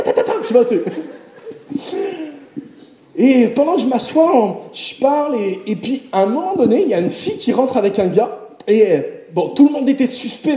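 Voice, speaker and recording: Very high-voiced animated male storyteller. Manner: animated, acts out scenes with sound effects. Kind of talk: comic storytelling. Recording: roomy echo.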